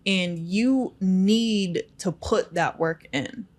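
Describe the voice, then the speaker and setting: Woman, relationship expert guest; mid pitch, earnest, emphatic delivery. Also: very slow, darkish tone. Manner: earnest and emphatic, teasing at times. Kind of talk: casual podcast conversation.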